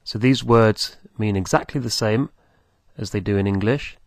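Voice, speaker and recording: A man teaching beginners, speaking slowly and patiently, repeating words for the listener to copy. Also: fairly low pitch, creaky, darkish tone, no room sound, clean studio sound. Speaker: language teacher. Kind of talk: slow, patient teaching with pauses.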